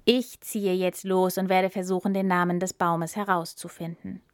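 A woman's voice: fairly low pitch, level tone, moderate pace, dry recording, studio quality, lightly acted. A woman voicing a very young, earnest tortoise in a storybook reading.

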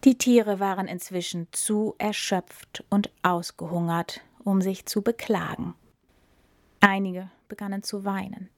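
A woman narrating a children's storybook aloud in a calm, expressive manner. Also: mid-range voice, measured pace, no echo.

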